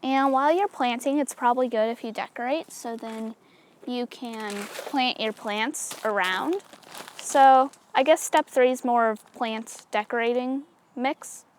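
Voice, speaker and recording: A woman hosting a relaxed craft tutorial, her voice sitting a little on the high side. She talks things through step by step in an easygoing, chatty way, with lots of "so" and "like." A faint hum of room noise sits behind her. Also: a little slow. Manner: chatty and easygoing, with many fillers like "so" and "like". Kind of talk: casual step-by-step craft demonstration.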